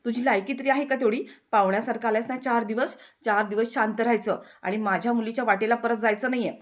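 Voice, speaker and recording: A woman's voice: fairly high pitch, fairly even intonation, quick pace, close to an everyday voice. A woman voicing a bossy, harsh mother who scolds children sharply, in a serial recap. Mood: scolding.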